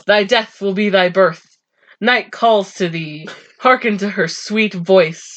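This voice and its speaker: Casting: woman reading a solemn male vampire tracker, slow archaic intoning, mid-pitched, plain voice. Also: close to an everyday voice.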